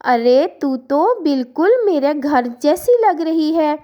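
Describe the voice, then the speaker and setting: A woman voicing a scheming, sweet-talking female kite bird in a cartoon story, coaxing her prey with gushing flattery. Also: high voice, takes it slowly, pitched above the performer's own voice. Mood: flattering.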